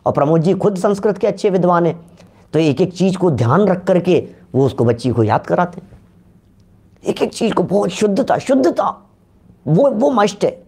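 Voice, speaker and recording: A man giving a Jain religious discourse in Hindi, questioning his listeners and reciting scripture slowly. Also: sits high, big pitch swings, creaky, a little mellow, husky.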